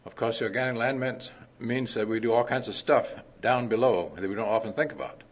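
An older man from Denmark giving a conference talk, clearing his throat often and mixing science with folksy anecdotes. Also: mid-range voice, a little fast. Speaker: conference presenter. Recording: dull lo-fi recording.

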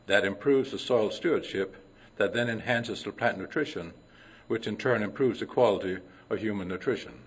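Older throat-clearing man giving a talk. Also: lowish voice. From Denmark. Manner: clears throat often, folksy asides. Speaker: conference presenter. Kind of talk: conference talk with anecdotes. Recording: dull lo-fi recording.

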